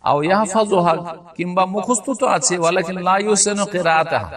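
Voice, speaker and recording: A man with a Bangladeshi Bengali accent gives an Islamic sermon lesson in a fairly high voice. He is recorded from a distance with a mic set well away from him. He moves between recited Arabic and plain explanation, and keeps asking his listeners questions. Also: fairly quick, crowd noise. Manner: explains by asking rhetorical questions and drawling out sounds. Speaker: Islamic preacher.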